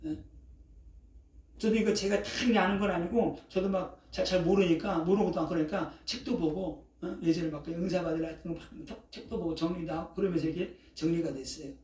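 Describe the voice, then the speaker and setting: An older pastor, in their sixties, preaches in a chatty, repetitive way, leaning on punchy sound words and checking in with the room again and again. The voice sits at a middling pitch. It reaches the mic from a distance, with the church's echo around it. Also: fairly even intonation, fast, a little mellow. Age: 60s. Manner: keeps checking in with the congregation, asking "eh?" after each phrase. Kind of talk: sermon. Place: church sanctuary. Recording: roomy echo, voice picked up from a distance.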